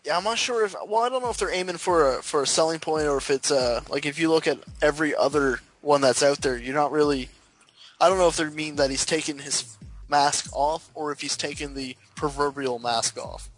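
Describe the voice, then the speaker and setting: A man's voice: on the high side, a little fast, faint music behind, low-quality recording. A man co-hosting a gaming show in casual, banter-style talk, swearing freely as he goes. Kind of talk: casual video game banter.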